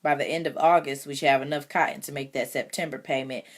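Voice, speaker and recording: A woman's voice: extremely low pitch, fairly even intonation, fast talker. A woman reading aloud voices a proud, injured farmer father who talks bluntly and firmly. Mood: grave. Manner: blunt, firm.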